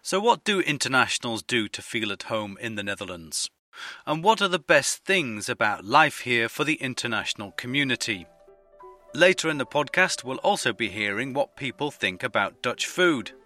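A male podcast host with a very bright voice and a lively pitch that rises and falls. He asks brisk questions and narrates between interviews. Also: soft background music. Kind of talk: street interviews and scripted narration.

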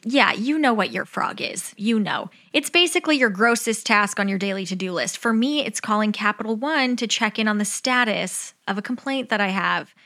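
A woman's voice: mid-range voice, expressive, normal speed, few pauses, sharp tone. A young adult woman giving upbeat, organised advice like a vlogger, chatty and candid, with casual swearing.

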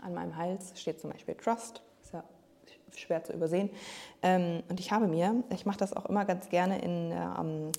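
A woman's voice: lowish voice, fairly even intonation, normal speed, creaky, dark tone. A woman weight-loss coach talking in a casual, slangy, motivational podcast monologue.

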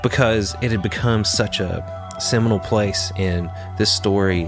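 A man hosting a podcast, reading scripted narration in a measured, earnest way. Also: lowish voice. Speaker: podcast host. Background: music.

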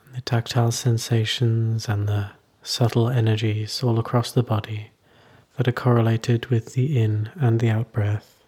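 This man teaches a guided meditation in a gentle, unhurried way, with long silences between short phrases. His voice is medium in pitch, dark and husky, showing little pitch movement.

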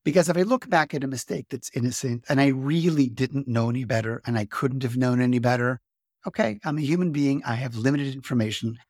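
A man in a middle register talks through ideas as a podcast host, earnest and steady, like a lecture to listeners. The sound is close and dry, with no room around it. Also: mid-range voice, brisk, no echo. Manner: earnest, explanatory, steady delivery. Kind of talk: lecture-style podcast talk.

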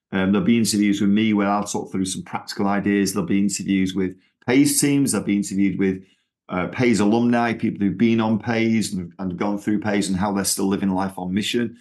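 Speaking as an interview guest, a middle-aged ministry founder from England talks in a Manchester accent, wandering through his answers with lots of fillers and restarts in a conversational style. His voice is fairly low and a little mellow.

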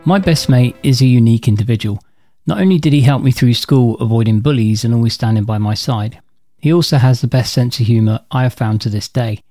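A man in his forties with a mellow, relaxed timbre, recorded close and dry with no room around him. He hosts his own podcast and reads his stories from a script in a dry, matter-of-fact way, at an ordinary middle pitch. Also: fairly quick, no echo, faint music behind. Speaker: podcast host. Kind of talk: scripted personal storytelling.

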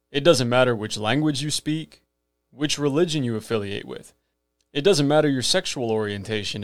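A millennial man hosts his own podcast in an earnest, scripted manner, leaning on rhetorical flourishes and emphatic lists. His voice sits at an ordinary middle pitch, and the recording is close and dry with no room sound or echo.

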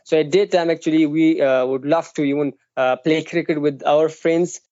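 A man's voice: on the high side, fairly even intonation, moderate pace, a little mellow, no room sound. Hesitant young man. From Pakistan. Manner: hesitant, frequent fillers and restarts. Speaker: guest. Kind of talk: casual self-introduction. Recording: dull, dry lo-fi recording.

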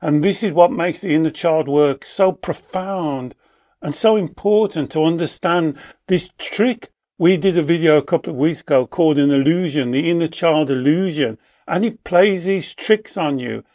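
A man with a voice on the high side talks through his ideas in a relaxed conversation. He is a therapist and tells stories with animation, slipping into quoted voices as he goes. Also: normal speed. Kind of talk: explaining in a conversation.

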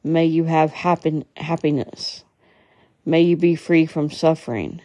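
A woman with a low, soft-edged, mellow voice guides a meditation, reading slow instructions in a measured, soothing way and occasionally stumbling over a phrase. The sound is close and dry, with no room sound around her.

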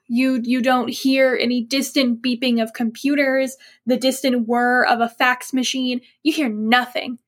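A woman's voice: high-pitched, fairly bright tone. A woman narrating a tabletop game as game master. She is chatty, searches for words and laughs easily.

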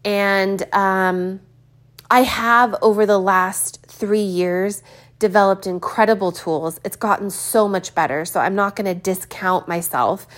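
A woman in her early forties talking candidly in a reflective personal vlog, thinking aloud with pauses and fillers. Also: mid-range voice, steady tone. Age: 40s. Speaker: vlogger.

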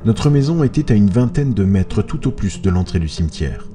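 A man narrating a first-person horror story in a hushed, suspenseful way. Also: fairly low pitch, sing-song, a little fast, over music.

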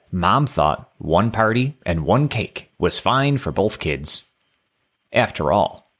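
A man with a very low voice reads a children's story aloud. His delivery is animated, moving freely up and down in pitch.

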